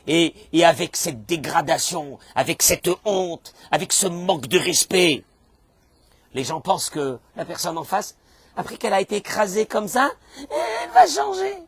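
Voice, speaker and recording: A male rabbi preaches with a slightly raised, husky voice that swings widely in pitch. He acts out the people he quotes and suddenly bursts into shouts. The sound is close and dry. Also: lively intonation, normal speed, no room sound. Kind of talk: animated sermon.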